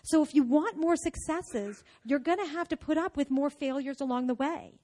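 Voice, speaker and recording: A middle-aged woman who teaches entrepreneurship, giving a lively, enthusiastic storytelling talk to an audience. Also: high voice, moderate pace.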